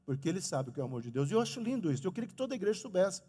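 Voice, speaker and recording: A middle-aged man preaching a lively sermon as pastor in a church, speaking to the congregation. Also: sits high, rapid-fire, breathy edge. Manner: animated preaching, talks of his own stutter. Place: church sanctuary. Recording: long reverb of a church hall.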